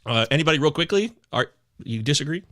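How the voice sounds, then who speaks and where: Guy on a fantasy baseball podcast, super animated, voice bounces all over, bright and a bit higher. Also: fast, slight background noise. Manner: animated, theatrical, swinging between loud outbursts and quiet asides. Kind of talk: casual podcast chat.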